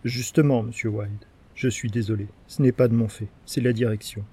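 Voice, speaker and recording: A man's voice: mid-range voice, steady tone, normal speed, dark tone, breathy edge, natural voice. A man voicing a nervous male head waiter who stammers and apologizes.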